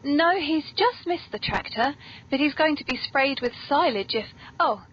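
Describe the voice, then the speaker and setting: An animated British woman, talking at a normal speed, hosts a scripted comedy podcast full of whimsy. She's genteel, very polite and playful, while the sound quality is poor: muffled and noisy.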